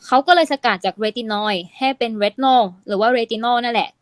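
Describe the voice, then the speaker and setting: A woman co-hosting a podcast, explaining skincare in an animated, teasing chat style. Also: fairly high pitch, fast, dry recording. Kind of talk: casual chat.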